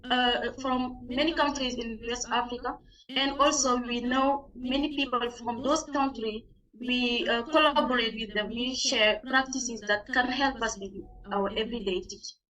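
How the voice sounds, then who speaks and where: A Senegalese woman who sits on a panel as a teacher speaks English, not her first language, with a Senegalese accent. Her voice is high-pitched as she gives a halting, informal talk about her own experience. It comes through a distant microphone in an online video-call meeting.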